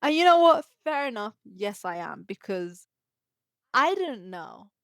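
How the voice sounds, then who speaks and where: A young adult woman, a podcast host and nurse, telling a story in a casual, animated way and acting out the people she quotes. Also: a little high, unhurried, no echo, clean studio sound. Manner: animated, acts out quoted dialogue.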